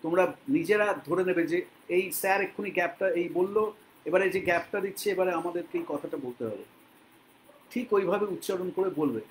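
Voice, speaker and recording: A man from Bengal teaching English to learners, speaking patiently and repeating words slowly so they can copy them. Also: sits high, a little hiss or hum, poor audio. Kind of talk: spoken English lesson in Bengali.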